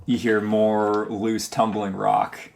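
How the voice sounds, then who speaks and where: A man narrating a tabletop game as game master, relaxed and quick to laugh. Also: fairly low pitch, gravelly.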